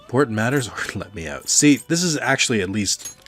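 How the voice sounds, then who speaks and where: A man's voice: medium pitch, lively intonation, brisk, a bit bright. A man streaming a video game, giving casual, sweary, opinionated commentary with a sardonic edge. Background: game music.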